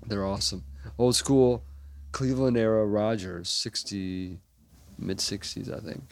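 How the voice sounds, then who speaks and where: A man's voice: lowish voice, a little slow, a little mellow. A man chatting as a drummer guest in a restaurant, rambling with lots of fillers. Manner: rambling, lots of "like" and "you know". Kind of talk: casual interview chat.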